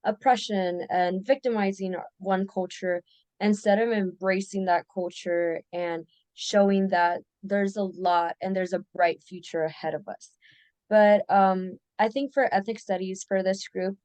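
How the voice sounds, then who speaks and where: A woman's voice: medium pitch, fairly even intonation, measured pace, darkish tone, no echo. A young woman from the United States hosting a casual student podcast, talking with some hesitation and restarts.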